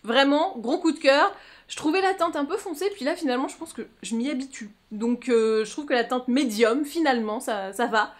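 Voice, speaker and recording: A woman chatting casually through a make-up tutorial, joking and filling pauses as she talks. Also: sits high. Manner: chatty, jokey, lots of fillers and laughs. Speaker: beauty vlogger.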